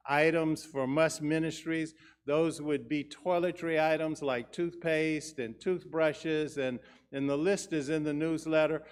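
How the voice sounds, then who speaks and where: A man speaking as a pastor leading a church service, measured and solemn in his delivery of announcements and liturgy. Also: on the high side, clean tone. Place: church sanctuary.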